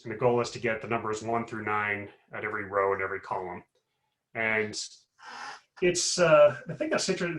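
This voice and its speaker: A man's voice: medium pitch, a bit bright, reverberant, low-quality recording. A middle-aged man, a professor, explaining a topic on a video call, rambling with many fillers and restarts. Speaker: guest speaker, professor. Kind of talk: explanatory talk on a webinar.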